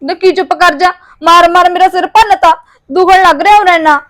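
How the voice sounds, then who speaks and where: A woman playing a feisty Punjabi wife, very high and fast. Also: steady tone. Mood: angry. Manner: sharp, quarrelsome, rapid retorts. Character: feisty young wife demanding her share. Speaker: wife in a joint family. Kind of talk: short film acting.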